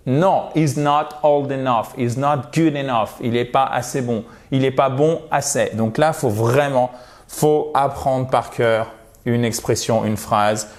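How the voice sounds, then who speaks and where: A man's voice: mid-range voice, darkish tone. French man teaching English phrases. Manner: explanatory, slows down to model English phrases. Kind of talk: online language lesson.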